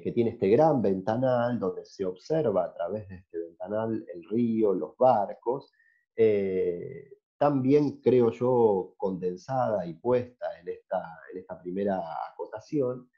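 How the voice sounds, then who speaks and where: Male playwriting teacher with an animated pitch, dull lo-fi recording. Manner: thinking aloud, with hesitant fillers. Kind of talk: explanatory lecture.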